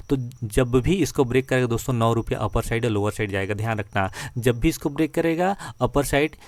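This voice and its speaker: A man's voice: medium pitch, no room sound. Guy walking thru stock charts on screen, keeps saying friends, repeats stuff, dry close mic. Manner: repetitive, addresses viewers as friends. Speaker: stock trading teacher. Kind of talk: screen-share chart tutorial.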